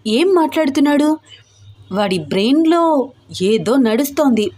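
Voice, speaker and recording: A shy, flustered young bride in a storybook romance who scolds and exclaims in a high, raised voice, as a woman reader puts her on. She sounds caught off guard and defensive throughout. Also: animated, moderate pace, darkish tone. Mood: annoyed. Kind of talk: storybook character voice.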